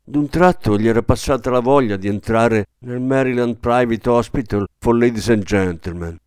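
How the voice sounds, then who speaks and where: A man's voice: mid-range voice, normal speed, darkish tone, smooth, no room sound. A man narrating a story expressively and performing each character's voice. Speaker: audiobook narrator. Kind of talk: scripted narration. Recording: dry close studio sound.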